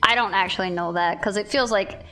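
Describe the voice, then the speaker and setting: A woman's voice: mid-range voice, fairly quick, pushed and bright, soft background music. A young woman chatting in an easygoing way over a livestream headset mic while she draws. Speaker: fellow art streamer. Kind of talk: casual chat while drawing on a livestream.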